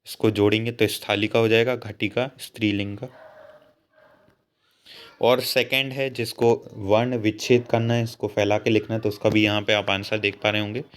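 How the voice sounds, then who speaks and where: Smooth-voiced man teaching patiently. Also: lowish voice, a bit bright. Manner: slow, patient explanation with frequent asides to students. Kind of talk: explaining a lesson.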